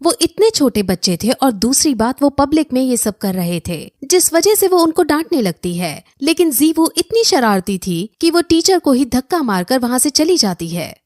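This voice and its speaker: Lively high-voiced woman narrating a story. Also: dry recording, clean studio sound. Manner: steady plot retelling with English loanwords. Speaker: anime recap narrator.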